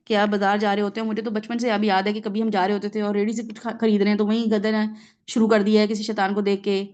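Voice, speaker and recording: A woman's voice: mid-range voice, flat delivery, a little mellow, highs cut off. A woman with a Pakistani Urdu accent teaching a Quran reflection lesson, explaining word by word, mixing in English words and often checking in with her listeners.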